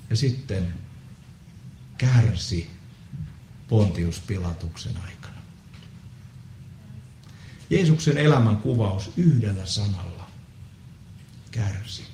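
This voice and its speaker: A man preaching a solemn Good Friday sermon, measured with pauses and the odd hesitant filler. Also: fairly low pitch, mellow, slight background noise. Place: church. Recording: echoey church with faint ambience.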